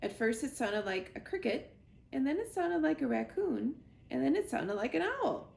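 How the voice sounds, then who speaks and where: A woman's voice: sits high, big pitch swings, normal speed, vocal fry, a little mellow, roomy sound, pitched above the performer's own voice, heavily acted. A woman voicing a bossy, jumpy male owl who screeches his announcements to a crowd of animals. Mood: telling.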